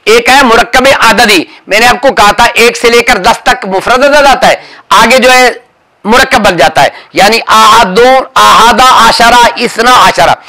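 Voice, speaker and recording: A man teaching a classroom grammar lesson, drilling his students with rapid questions and calling out answers. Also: extremely high pitch, bright, forceful tone, poor audio. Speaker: religious teacher.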